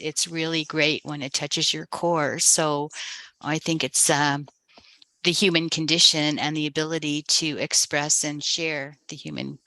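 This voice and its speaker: A woman moderates an online Q&A in a bright, forceful voice that sits a little low. She gives procedural instructions calmly and in order. The sound is dry and close. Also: dry recording. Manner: organized, procedural. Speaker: event moderator. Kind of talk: moderating a virtual library talk.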